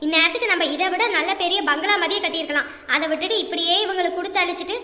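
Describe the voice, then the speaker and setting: A woman playing a bossy high-voiced young wife. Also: very fast, pushed and bright, roomy sound, big-room sound. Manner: bossy, wheedling. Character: young wife, demanding and money-minded. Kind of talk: comic family skit acting.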